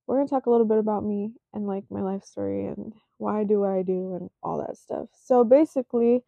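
A woman's voice: mid-range voice, vocal fry, no echo. A woman in her twenties hosting her own podcast in a casual, rambling, self-conscious way, sleepy and yawning as she talks. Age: 20s. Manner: slow, rambling and self-conscious, with frequent fillers. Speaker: podcast host. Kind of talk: casual solo podcast chat. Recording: dry, tinny phone-like sound.

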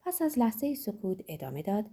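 A woman narrates a novel in a calm, expressive way. Her voice is husky and warm, with lively swings in pitch that carry the story along. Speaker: audiobook narrator. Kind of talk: novel reading.

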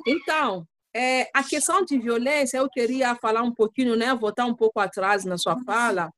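A woman from Congo with a French accent, speaking Portuguese as a guest on a podcast, halting and searching for words, often checking in with the listener. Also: fairly high pitch, a bit bright, no echo. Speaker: guest, lawyer and activist. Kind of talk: podcast interview.

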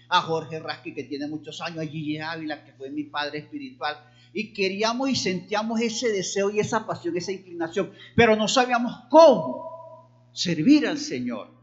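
A middle-aged man preaching a sermon, animated, sometimes mimicking hesitant congregants in a higher voice. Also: dull audio. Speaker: pastor.

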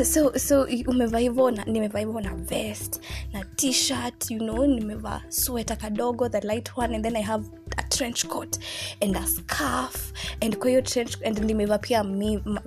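A woman in her twenties from Kenya with a Kenyan accent, telling personal stories in a casual, animated, giggly and informal way. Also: on the high side, normal speed, music in the background. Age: 20s. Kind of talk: casual storytelling chat mixing English and Swahili.

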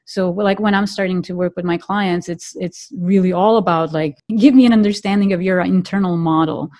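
A woman's voice: lowish voice, fairly even intonation, fairly quick, darkish tone, dry recording. A woman from Serbia hosting an interview as a coach, talking casually with lots of "you know" and "right". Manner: chatty, frequent fillers like "you know" and "right". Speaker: podcast host, coach. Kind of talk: conversational interview.

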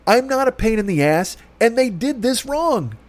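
This very high, sing-song male voice belongs to a middle-aged Chicago podcast host with a local accent. At a moderate pace, he launches into a lengthy, exasperated tale that turns into a fiery, foul-mouthed rant.

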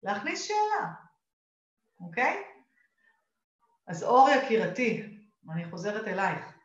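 A woman's voice: mid-range voice, big pitch swings. Israeli-accented woman coaching, echoey dull sound. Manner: emphatic, frequent checking questions. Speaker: coach and course teacher leading a live session. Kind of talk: live coaching talk, questioning and addressing listeners.

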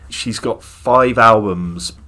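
A podcast co-host chats casually about music, enthusiastic and opinionated. His voice is lowish and bright, slow-paced but pushed.

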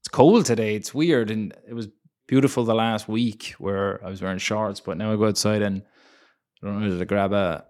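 A man's voice: fairly low pitch, normal speed, a little mellow. A young man co-hosting a casual political podcast, rambling with many fillers and restarts. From Ireland. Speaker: podcast co-host.

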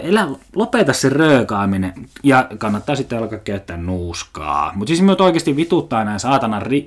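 A young man talking casually on his own, ranting, swearing often and wandering from story to story. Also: medium pitch. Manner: swears a lot, rambling comic rant.

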